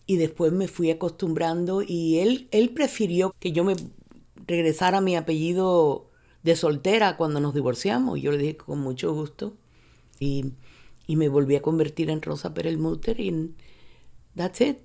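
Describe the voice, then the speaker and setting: Speaking at a normal pace in a low voice with vocal fry, this older woman from Cuba, a university professor, recounts her life in an interview. Her reflective storytelling turns animated as she retells things, with frequent restarts and bits of English mixed in.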